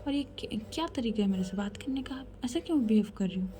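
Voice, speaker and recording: A woman's voice: medium pitch, animated, quick pace, warm tone, a little hiss or hum, close to an everyday voice. A woman voicing a defiant, irritated young bride, speaking indignantly in a told story. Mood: annoyed. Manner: indignant, pushes back sharply.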